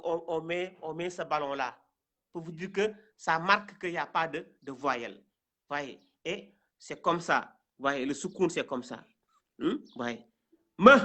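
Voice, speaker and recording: A man from Senegal gives a slow reading lesson, spelling out each syllable and repeating it patiently for his learners. His voice is bright and forceful, and he speaks at an unhurried, deliberate pace. He keeps checking in with short asides as he goes. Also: high voice. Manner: patient and repetitive, often adding "hein" and "voyez bien". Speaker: Quran reading teacher.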